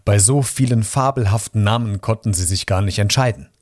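A man hosting a podcast, reading a children's book aloud in a friendly, lively storytelling manner. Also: lowish voice, brisk, dry recording, studio quality.

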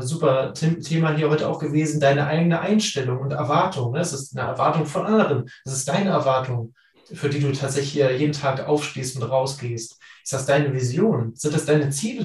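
A podcast host with a voice on the high side coaches his listeners, chatting and wrapping up with lots of casual fillers. He's far from the mic, so the sound is roomy.

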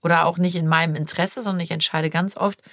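A woman's voice: fairly low pitch, fast talker, dry recording. Chatty middle-aged woman, dry close sound. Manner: chatty, animated storyteller. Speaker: podcast host, mother. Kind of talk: casual chat.

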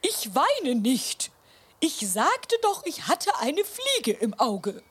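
Strict old granny mouse, a woman doing it, breathy and slow, kids audio play. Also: high voice, wildly swooping pitch, heavily acted. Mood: defensive. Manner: stammering, breathy, half-whispered.

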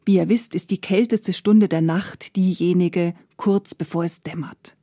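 A woman's voice: on the low side, steady tone, measured pace, mellow, dry recording, studio quality. A woman storyteller narrating a folk tale expressively, often letting phrases fade into a whisper.

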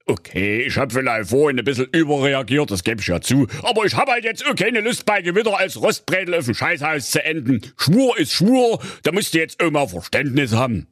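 A man's voice: fairly high pitch, big pitch swings, brisk, few pauses, fairly bright tone, dry recording, clean studio sound, pitched above the performer's own voice. A man voicing a choleric, round old king, blustering and ranting. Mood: grumpy.

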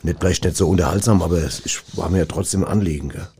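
A man doing comedy banter, rambling and deadpan, often stammering over his words. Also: deep voice, racing, husky.

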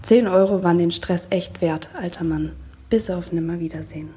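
A woman's voice: lowish voice, normal speed, heavy background noise. A woman giving a scripted diary reading in a dry, matter-of-fact storytelling manner. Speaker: diary columnist.

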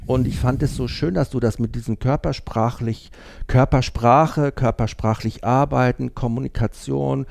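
Gravelly-voiced man, dark tone. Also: mid-range voice, moderate pace. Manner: lively, laughs while explaining. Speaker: podcast host. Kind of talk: casual podcast chat.

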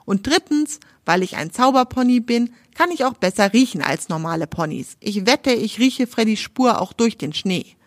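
A woman's voice: on the high side, lively intonation, normal speed, few pauses, no echo, studio quality. A woman voicing a proud, boastful male magic pony in a children's storybook, cocky and self-assured.

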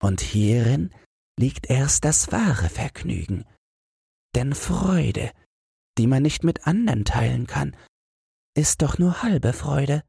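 A man voicing a gentle, anxious old street lantern. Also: medium pitch, very animated, takes it slowly, gravelly, slightly rough, dry recording, clean studio sound, pitched above the performer's own voice, exaggerated voice. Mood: fretful, tender. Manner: worried, keeps repeating a single fear.

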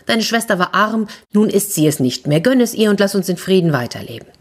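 Storybook husband, voiced by a woman, steady and firm, husky tone. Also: medium pitch, fairly quick, voice pushed up, close to an everyday voice.

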